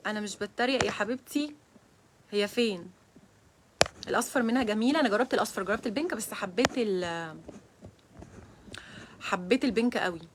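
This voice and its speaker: A woman's voice: mid-range voice, a little fast, pauses often, background noise. A young woman with an Egyptian accent hosting a casual live stream, flustered and nervous and often breaking into giggles. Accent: Egyptian Arabic.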